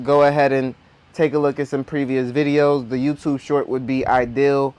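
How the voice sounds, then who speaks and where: A man with a slightly high voice explains things directly to his viewers. He talks with braces on his teeth, which slightly impede his articulation. The sound is dry, with no room echo. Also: clear, resonant tone. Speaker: host of a personal finance video.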